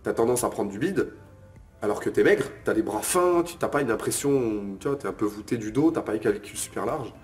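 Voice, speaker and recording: A man's voice: lowish voice, animated, a little fast, faint music behind. A young man, a fitness coach, casually explaining bodybuilding methods to the viewer with frequent fillers and check-ins. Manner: informal, addresses viewer as tu, frequent "ok?" and "euh". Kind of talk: casual bodybuilding lesson to camera.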